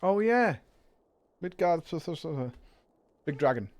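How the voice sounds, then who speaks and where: A man's voice: on the high side, big pitch swings, a little slow, darkish tone, no echo. A man streaming a video game, giving casual, wry, sweary asides as he plays.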